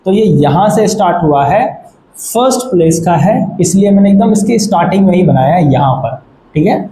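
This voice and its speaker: High-voiced man teaching patiently. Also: expressive, normal speed, mellow. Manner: patient, repeats "ठीक है" to check understanding. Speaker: shorthand teacher. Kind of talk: board lesson explanation. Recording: echoey room, faint background noise.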